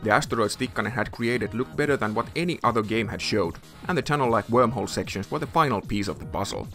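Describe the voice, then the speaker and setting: A man's voice: on the low side, fast talker, a bit bright. A man reading scripted documentary narration as a video narrator. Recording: music under the voice. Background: background music.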